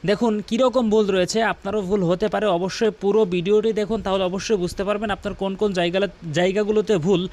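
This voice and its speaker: Guy with a high voice teaching quran reading, talks straight to viewers, drags out and repeats the words. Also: fairly even intonation, darkish tone, a little hiss or hum. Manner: demonstrates recitation slowly, repeating syllables; addresses viewers directly as brother. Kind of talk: tajweed lesson with recited examples.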